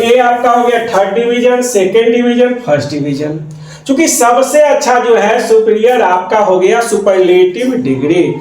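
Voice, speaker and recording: A man's voice: extremely high pitch, a little mellow. Hindi-accented guy teaching grammar, keeps repeating stuff and quizzing himself, echoey room. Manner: repetitive, asks and answers his own questions. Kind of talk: classroom lesson explaining grammar.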